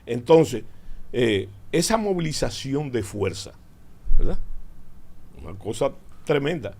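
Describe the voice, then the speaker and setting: A man's voice: medium pitch, sing-song, takes it slowly, a little mellow, slightly rough. Older Dominican man, emphatic and didactic. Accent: Dominican Caribbean Spanish. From Dominican Republic. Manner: didactic, emphatic, repeats phrases, checks in with rhetorical questions. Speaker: military analyst, studio guest. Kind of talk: political and military commentary in conversation.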